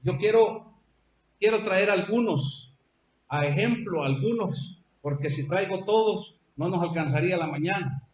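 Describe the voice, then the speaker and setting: A man's voice: high-pitched, unhurried, a little mellow. A man with a Salvadoran accent preaching a sermon, telling the story emphatically and drawing out repeated phrases. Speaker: pastor. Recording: echoey dull lo-fi church recording.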